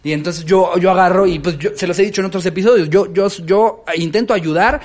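A man's voice: high voice, fairly quick. A Mexican man co-hosting a podcast, telling a profane story with lots of slang and frequent laughter. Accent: Mexican Spanish. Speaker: podcast co-host. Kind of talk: casual comedic storytelling.

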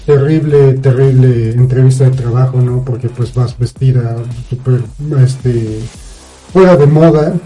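A man with a Mexican accent co-hosts a podcast, casually recounting a film's plot in a rambling, colloquial way and tossing in frequent tag questions. His medium-pitched, dark-toned voice is a little slow, and the low-quality recording has faint music in the background.

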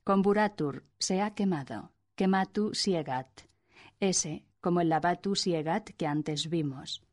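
A woman reading a philology lesson aloud, going through glossed words one by one in a measured, methodical way. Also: lowish voice, darkish tone. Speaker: lecturer on medieval glosses.

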